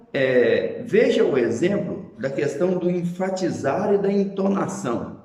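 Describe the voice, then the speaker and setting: A man's voice: mid-range voice, darkish tone. Man, Brazilian Portuguese accent, grammar teacher, explanatory tone, tag questions, roomy echo. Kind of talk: classroom grammar lesson.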